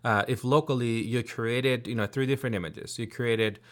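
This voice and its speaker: A man's voice: medium pitch, fairly even intonation, fairly bright tone. A man hosting a casual technical chat, thinking aloud with frequent restarts and asking follow-up questions. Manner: halting, many fillers and restarts, inquisitive.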